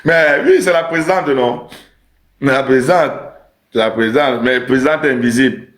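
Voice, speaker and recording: A man's voice: medium pitch, normal speed. A man hosting a live stream with an emphatic, teasing comic rant, repeating his points. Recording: roomy echo.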